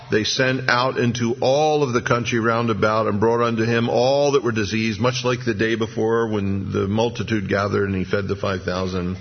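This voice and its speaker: Husky man teaching scripture, dull recording. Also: medium pitch. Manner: reads scripture then adds wry asides. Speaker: preacher. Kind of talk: verse-by-verse Bible teaching.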